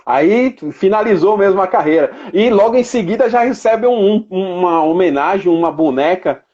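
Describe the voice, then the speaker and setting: A man's voice: high-pitched, animated, moderate pace, a little mellow, lo-fi sound. A man hosting a casual live sports interview, chatty and prompting his guest with follow-up questions. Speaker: sports show host.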